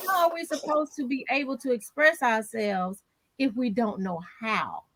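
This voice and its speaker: Forties nurse lady on a panel, high-ish voice, dry close sound, talks loose and folksy. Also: normal speed, no room sound. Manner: colloquial, lively, folksy asides. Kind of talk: discussion panel talk.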